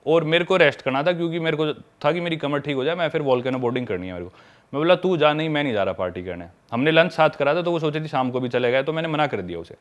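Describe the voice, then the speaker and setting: A man on a podcast telling a travel story in a casual, lively way, slipping English words into his speech and acting out what people said. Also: fairly high pitch, fast talker. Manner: animated storyteller who acts out quoted dialogue; mixes English words into Hindi.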